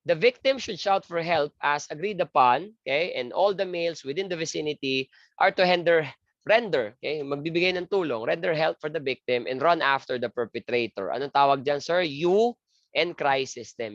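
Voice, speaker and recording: A man's voice: fairly high pitch, fairly bright tone, no room sound. A man giving an exam review lecture, joking crudely and asking and answering his own questions. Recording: dry, muffled lo-fi lecture audio.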